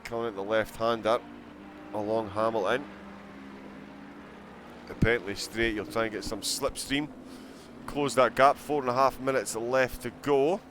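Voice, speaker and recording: A male esports race commentator at a middle pitch, calling gaps and positions in a loose, chatty way. He keeps breaking into giggles at the viewers' chat, and a faint hum of noise sits under the stream. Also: steady tone, a little slow, pauses often. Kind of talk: live sim-racing commentary.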